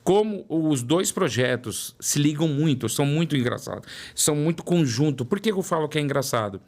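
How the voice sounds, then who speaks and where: His voice is fairly high, animated, and a little mellow, at normal speed. A product development director in his forties from São Paulo, Brazil, he is a guest in an interview recounting his career, with a São Paulo Portuguese accent and words repeated for emphasis.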